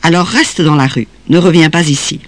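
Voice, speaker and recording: A hard, implacable mother, as a man reads her lines, voice pushed up in pitch and cut short with menace. Close and dry, nothing of the room. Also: moderate pace, no room sound, lightly acted. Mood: stern. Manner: stern, threatening, implacable. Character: stern, unyielding mother.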